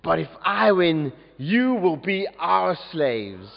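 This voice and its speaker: A man reads aloud as a boastful giant warrior, taunting an army. The voice sits high and jumps widely, slow and deliberate. It comes through dull and roomy, with a long church reverb. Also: sing-song, creaky, exaggerated voice. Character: boastful giant male warrior, roaring challenge. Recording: dull echoey church recording.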